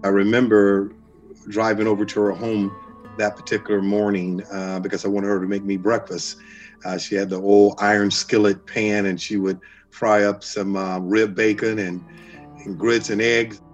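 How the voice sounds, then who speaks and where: Older-ish guy remembering stuff in an interview, low flat voice, bit muffled recording. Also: normal speed, faint music behind. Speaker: interviewee recalling his grandmother. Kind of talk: personal recollection in interview. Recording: slightly dull interview audio.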